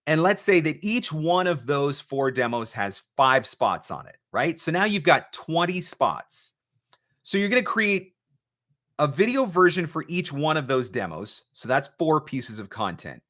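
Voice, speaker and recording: His voice sits on the high side and is fairly bright, very animated though a little slow. As host and voice-over marketing coach of a live Q&A advice talk, he speaks emphatically and asks rhetorical questions.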